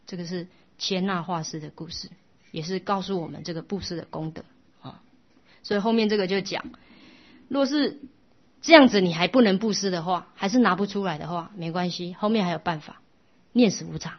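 A woman teaching a Buddhist dharma talk, telling a story in a gentle, storytelling way. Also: on the low side. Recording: dull lo-fi sound.

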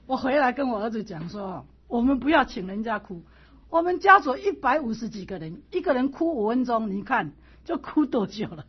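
A middle-aged woman teaching as a Buddhist lecturer, telling a family story with lively asides, laughter and frequent questions to her listeners. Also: on the high side, slightly rough. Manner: animated, asks listeners "是不是", laughs through anecdotes. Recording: dull lo-fi recording.

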